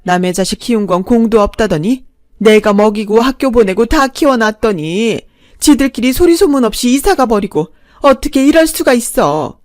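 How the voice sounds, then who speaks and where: A woman voicing a brazen old stepmother-in-law who talks loud, whining and accusing. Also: on the high side, animated, moderate pace, dry recording, studio quality, close to an everyday voice. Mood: wailing.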